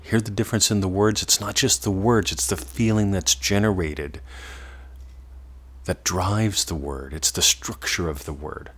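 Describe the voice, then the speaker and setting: Low husky guy doing a slow self-help talk, stretches words out, half whispers a lot. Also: fairly bright tone. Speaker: teacher. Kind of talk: meditative self-development talk.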